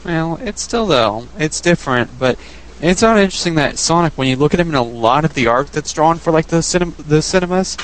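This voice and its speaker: A man's voice: a little high, animated, brisk, hardly any pauses, low-quality recording. A man co-hosting a casual podcast discussion about a video game, rambling and often correcting himself. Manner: rambling, self-correcting, chuckling. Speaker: podcast co-host.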